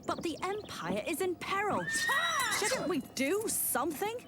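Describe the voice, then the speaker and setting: A woman's voice: very high voice, sing-song, measured pace, exaggerated voice. An actress playing a resolute young queen who leads her troops, speaking proudly and decisively. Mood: urgent. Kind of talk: video game cutscene voice acting. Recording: game audio with loud music.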